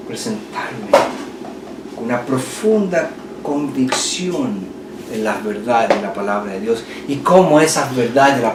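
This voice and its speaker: A man with a Chilean Spanish accent preaching a sermon as pastor, swinging from loud passionate peaks to hushed, quiet lines. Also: medium pitch. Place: church hall. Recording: echoey church hall, distant mic, noisy.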